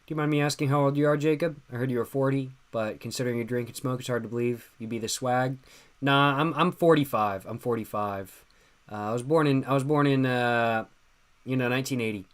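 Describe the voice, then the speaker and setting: Reading viewer questions off his stream chat, a laid-back, tipsy man in his twenties answers in slang and keeps repeating himself. His voice sits at medium pitch and moves fairly quickly.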